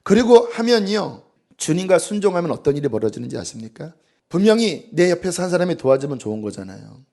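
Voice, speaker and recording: A male pastor giving an early-morning church sermon, telling stories with lively acted-out quotes and sometimes dropping to a near whisper. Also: on the high side, fast talker. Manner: animated storytelling, acting out quoted voices, dropping to a hush. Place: church sanctuary.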